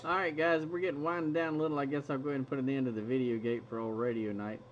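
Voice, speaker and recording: Racing along in a medium-pitched voice with fairly even intonation, a man hosting a radio hobby stream chats casually, laughing frequently between stories. The sound is muffled lo-fi with a faint hiss.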